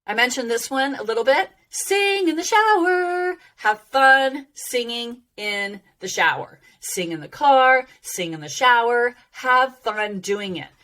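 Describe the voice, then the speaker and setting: A woman teaching informally like a self-help coach, emphatic and encouraging, with long, drawn-out sibilant s sounds and frequent check-ins. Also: fairly high pitch, sharp tone.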